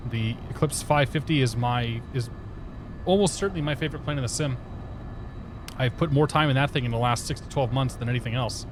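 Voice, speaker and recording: Talking a little fast in a mid-range voice, a livestreamer gives casual commentary on his flight simulator session and welcomes viewers by name. The sound comes through headset audio with background noise.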